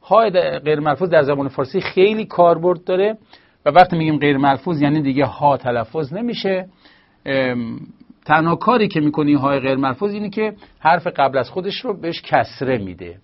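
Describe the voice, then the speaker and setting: A man's voice: fairly high pitch, expressive. A man teaching a grammar lesson, explaining patiently with small hesitations. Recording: slightly dull lo-fi recording.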